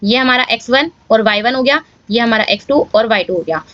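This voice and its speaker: High-voiced woman teaching a maths lesson. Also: fairly quick, a bit bright, highs cut off. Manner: casual, addresses viewers as guys, checks with "clear?".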